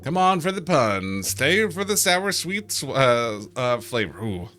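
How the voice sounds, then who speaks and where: Male streamer, bright tense voice, reads game text aloud with puns, faint music under him. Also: medium pitch, very animated, a little slow. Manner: playful, stumbling over words, reads in-game posts aloud. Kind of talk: casual let's-play commentary.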